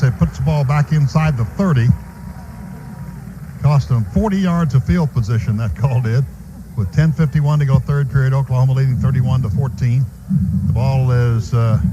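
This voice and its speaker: Loud stadium ambience fills this noisy live radio broadcast, where a medium-pitched American man does play-by-play for a football game. The sound is lo-fi.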